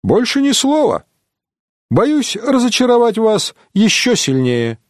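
A man's voice: very high-pitched, wildly swooping pitch, takes it slowly, no echo, clean studio sound, voice pushed up, exaggerated voice. A man voicing a wry, evasive wandering goliard scholar for an audiobook. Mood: sulky.

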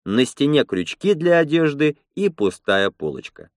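A man narrating first-person fiction in a calm, expressive storytelling manner. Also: on the high side, measured pace, no room sound, studio quality. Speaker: audiobook narrator.

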